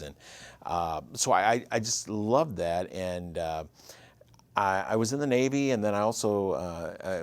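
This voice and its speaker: A man in his fifties from Michigan, USA, with a matching accent, appears as a guest, a writer and producer. In a low voice on a dry recording, he tells his story in an easygoing, casual interview chat.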